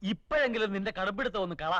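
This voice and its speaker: A man's voice: high-pitched, rapid-fire, fairly bright tone, highs cut off. A bossy, stern family man. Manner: scolding, bossy on the phone. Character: stubborn, scolding middle-aged family man. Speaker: head of the family, guardian of the children. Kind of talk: film drama acting. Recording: film soundtrack with music under.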